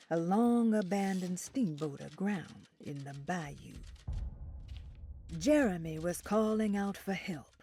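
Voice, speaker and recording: An actress playing a composed storyteller, giving measured, literary narration in a video game. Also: female voice, lowish voice, mellow. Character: composed female storyteller recounting a mystery.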